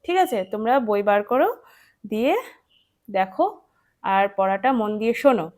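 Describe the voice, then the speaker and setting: A woman teaching a children's English lesson, patient and clear, asking questions and answering them herself and spelling words out letter by letter. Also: medium pitch, animated, moderate pace, darkish tone. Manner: patient, asks and answers her own questions.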